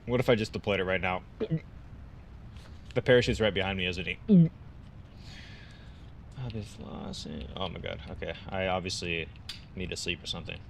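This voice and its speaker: Young male gamer talking to himself, rambling and jokey, raspy with a bright tone. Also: deep voice, flat delivery, quick pace, pauses often, slight background noise. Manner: rambling, joking self-talk with meme quotes. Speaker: gaming video creator. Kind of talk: casual gameplay commentary.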